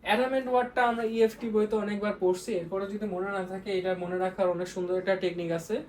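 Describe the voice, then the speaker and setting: A young woman tutors vocabulary at a brisk clip, chatty and prone to repeating each word as she explains. Her pitch sits in an ordinary middle range. Faint background noise runs under the recording. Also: fairly even intonation, a little mellow. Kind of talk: casual explanatory lesson.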